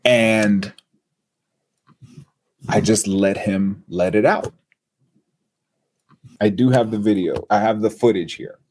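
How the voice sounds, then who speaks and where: Husky-voiced male guest, animated raconteur acting out quotes. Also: fairly low pitch, slow, pauses often. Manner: animated storyteller who acts out quotes. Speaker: guest, TV and radio personality. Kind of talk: storytelling in a podcast interview.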